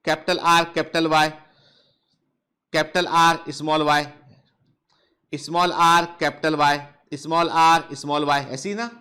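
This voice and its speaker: A male biology teacher with a high, bright voice leads an online class. He keeps firing questions at his students, repeats each answer, and mixes in joking threats to keep them working. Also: steady tone, measured pace, long pauses, clear, resonant tone. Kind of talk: online lecture. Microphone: touchscreen device close up.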